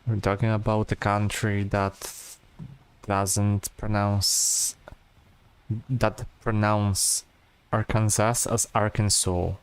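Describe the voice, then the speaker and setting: Slow, low-voiced man chatting over gameplay. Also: clean tone. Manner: relaxed, rambling, many fillers and restarts. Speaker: gameplay streamer. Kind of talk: casual gameplay commentary.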